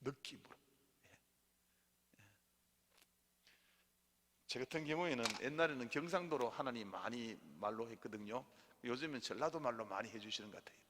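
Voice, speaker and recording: A man's voice: mid-range voice, expressive, normal speed, long pauses, a bit bright, a little hiss or hum. A middle-aged male pastor teaches a lay theology class and has listeners repeat after him. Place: church hall. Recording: reverberant church hall.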